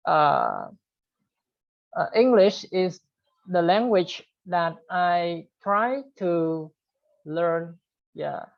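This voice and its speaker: A man whose first language is Khmer gives an informal talk to an online group of English learners, speaking slowly and hesitantly with many pauses and fillers. His voice is high-pitched and creaky, and the recording sounds dull and lo-fi.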